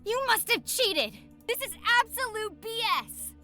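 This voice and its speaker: A woman's voice: high-pitched, animated, slow pace, fairly bright tone, faint music behind, heavily acted. A woman voicing a fiercely competitive, hot-tempered and petulant young female gamer in a video game. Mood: outraged. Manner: aggressive, petulant.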